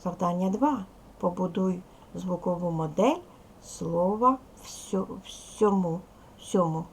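A woman's voice: fairly low pitch, slow, a little hiss or hum. A woman teaching a recorded lesson to young schoolchildren, patient and step by step, counting aloud and speaking to them as little ones. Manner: addresses pupils as little children. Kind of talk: recorded video lesson for second graders.

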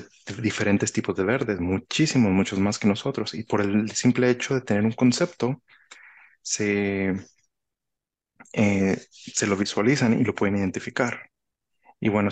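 A man in his thirties with a Mexican Spanish accent and a somewhat low voice, an author appearing as an interview guest, explains things casually and shares anecdotes. He's reflective and halting, often repeating a phrase before moving on. He speaks through a headset on a video call from an indoor room.

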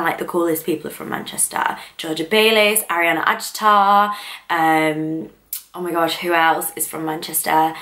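A woman's voice: fairly low pitch, bright, forceful tone. A woman in her twenties from northern England, chatting casually and rambling to camera in a vlog, full of fillers. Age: 20s. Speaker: vlogger.

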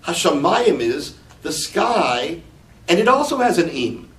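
A man teaching from scripture in a slow, reflective way, explaining the meaning of Hebrew words. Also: on the high side, sing-song, fairly bright tone. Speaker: Bible teacher. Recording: echoey room, mic at a distance, faint background noise.

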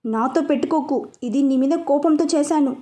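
A woman reading a storybook voicing a hot-tempered, bossy young man who talks roughly and gives orders. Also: sits high, moderate pace, mellow, natural voice. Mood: angry. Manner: rough, commanding, scolding.

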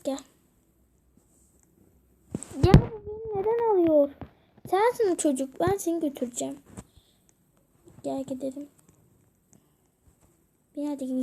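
A woman's voice: high-pitched, mellow. A young woman casually commenting as she plays a game, chatting playfully to her viewers and the characters. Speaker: gaming video creator.

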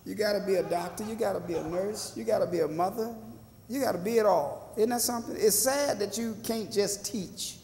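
An older pastor preaches a sermon from the pulpit of a small church, drawing call-and-response answers from the congregation and rising to fervent emphasis. His high voice is creaky and darkish, a little fast, recorded in an echoey church hall with a little hiss or hum.

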